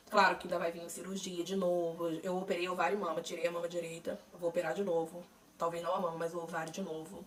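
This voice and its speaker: Candid Brazilian woman, slightly distant mic. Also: medium pitch. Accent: Brazilian Portuguese. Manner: chatty, candid, many fillers and restarts. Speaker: vlogger sharing her cancer treatment. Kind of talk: emotional personal vlog. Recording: voice a bit distant from the mic, faint noise.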